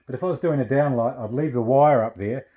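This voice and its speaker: A man's voice: medium pitch, fast talker, narrow, tinny audio. A man, a builder, casually explaining practical work step by step in a matter-of-fact way.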